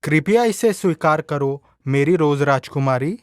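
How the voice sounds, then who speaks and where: An actor playing a kind young man, the princess's childhood friend, who speaks gently and politely. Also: on the high side, lively intonation, a little slow. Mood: tender. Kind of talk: cartoon voice acting.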